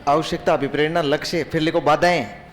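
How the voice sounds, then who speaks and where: A man teaching a class, who dictates points slowly, repeats them, and chats and jokes with the students. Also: a little high, steady tone.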